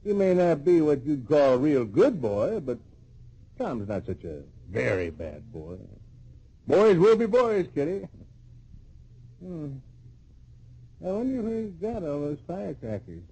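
An indulgent older judge in a radio drama. His mellow, warm voice moves up and down freely as he muses in a hesitant, folksy way. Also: a little high, very animated, husky, full character voice, poor audio. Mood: indulgent, musing. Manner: hesitant, folksy, mildly exasperated drawn-out musing. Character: indulgent, easygoing older male judge and guardian. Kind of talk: old-time radio drama acting.

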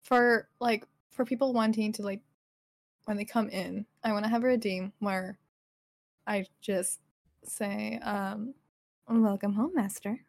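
A woman talks casually into a dry, close desk mic at home, her voice sitting at an ordinary middle pitch. She giggles easily and keeps trailing off and starting over. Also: steady tone, unhurried, vocal fry, dry recording. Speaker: streamer guest. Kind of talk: casual live-stream chat. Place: home streaming desk with cats around.

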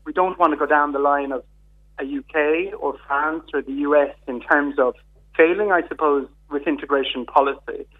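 A man from County Kerry with a south-west Irish accent, explaining things in a discursive, conversational way as a radio interviewee. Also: fairly high pitch. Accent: Irish, Kerry in the south-west of Ireland. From County Kerry, Ireland. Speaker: interviewee, community integration worker. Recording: narrow tinny phone line.

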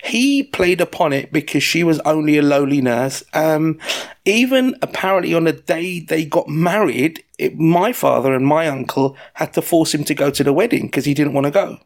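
A British man in his forties chatting as a podcast host, telling personal stories in a sweary, halting, digressive way. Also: on the high side, expressive, creaky. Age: 40s. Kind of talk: casual personal chat and storytelling.

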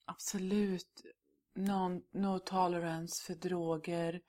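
A woman's voice: lowish voice, flat delivery, mellow. A middle-aged woman answering interview questions in a candid, emphatic way, slipping in English words.

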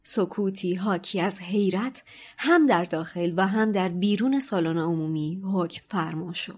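A woman narrating a novel aloud in an expressive storytelling read. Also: on the low side, breathy edge. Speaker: reader and podcast co-host. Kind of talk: audiobook narration.

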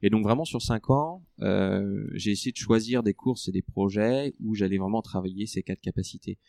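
A man in a relaxed interview, talking through his running training with many fillers and restarts. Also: on the low side, moderate pace, vocal fry, dry recording, studio quality. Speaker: ultra-trail runner guest. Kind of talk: conversational interview.

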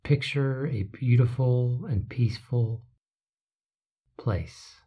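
A guide leading a slow relaxation exercise, with soft drawn-out phrases that trail into whispers. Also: medium pitch, slightly rough, narrow, tinny audio.

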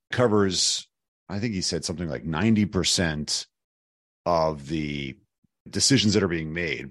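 A man co-hosting a podcast discussion in a conversational style, his voice hoarse, raspy and nearly gone. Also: deep voice, a bit bright, dry recording, clean studio sound. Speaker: podcast co-host. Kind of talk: conversational discussion of financial advising.

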